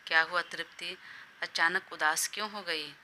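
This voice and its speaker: A woman's voice: lowish voice, fairly even intonation, normal speed, sharp tone, a little hiss or hum. Woman doing an easygoing young male boss. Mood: indulgent. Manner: indulgent, obliging.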